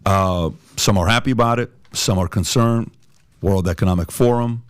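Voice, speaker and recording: A man's voice: lowish voice, moderate pace, clear, resonant tone, dry recording. A man from Iran hosting a podcast, talking in an emphatic, repetitive way with many fillers. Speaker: podcast host. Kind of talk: opinionated podcast chat.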